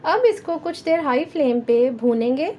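A woman with a Pakistani Urdu accent hosting a cooking channel, giving calm step-by-step recipe instructions in a voice-over. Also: high-pitched, normal speed, dull audio, slight background noise. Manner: calm, instructive, addresses viewers directly.

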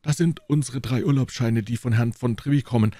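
A man voicing a composed, noble musketeer in an audiobook reading, speaking in a calm, measured way. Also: medium pitch, no echo, studio quality, natural voice. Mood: resolute.

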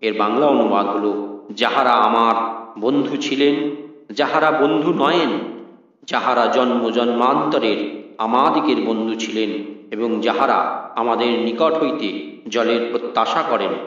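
A man's voice: medium pitch, fairly bright tone. Guy chanting + explaining a ritual, echoey and far from the mic, kinda dull sound. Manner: slow measured chanting, then plain explanation to viewers. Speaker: ritual instructor. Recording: echoey, distant, slightly dull.

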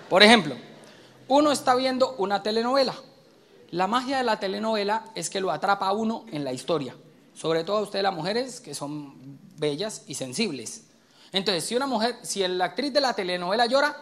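A man's voice: a bit bright, a little hiss or hum. A man doing a stand-up comedy routine on stage. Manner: acts out a nagging wife in a shrill voice. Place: comedy stage with live audience.

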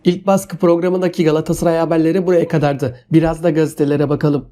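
A man reads scripted sports news. His voice is notably high for a man, with a dark, soft-edged tone. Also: little pitch movement, quick pace.

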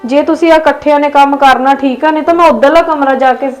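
A woman's voice: sits high, fairly even intonation, quick pace, soft background music, lightly acted. A woman acting as a younger daughter-in-law who answers curtly and coldly. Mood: resentful. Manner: curt, cold, resentful. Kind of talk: family skit acting.

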